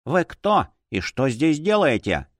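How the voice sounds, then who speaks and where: A man voicing a quick-witted young woman who is a living porcelain doll, in an audiobook, speaking politely and composedly in a slightly raised voice. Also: on the high side, very animated, dry recording, studio quality. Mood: cool, evasive. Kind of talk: audiobook character voice.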